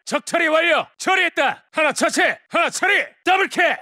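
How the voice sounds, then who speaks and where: A man's voice: extremely high pitch, lively intonation, normal speed, pushed and bright, no echo, clean studio sound, full character voice. A man voicing a tough, cocky special-forces soldier, delivering clipped combat callouts as video game voice lines. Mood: triumphant. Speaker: military operator.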